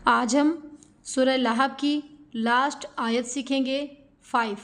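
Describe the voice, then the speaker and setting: Speaking with a Pakistani Urdu accent in a high-pitched voice, this female Quran teacher gives a patient, step-by-step recitation lesson. She breaks sounds down syllable by syllable and puts questions to her students.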